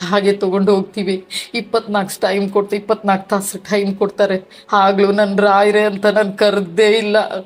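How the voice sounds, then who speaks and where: A woman's voice: mid-range voice, monotone, moderate pace. A middle-aged woman giving an emotional personal testimony about her loss, grieving, repeating words and restarting her sentences. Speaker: devotee sharing her testimony.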